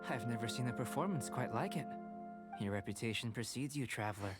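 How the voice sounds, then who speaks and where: Man playing a calm, scholarly young alchemist. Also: medium pitch, over loud music, natural voice. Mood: intrigued. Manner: measured, articulate, formal. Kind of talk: video game voice acting.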